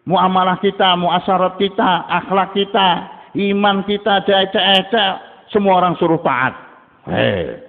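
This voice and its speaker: A man preaching a dawn sermon, jumping between high emphatic bursts and low asides. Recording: tinny phone-like sound with long hall reverb.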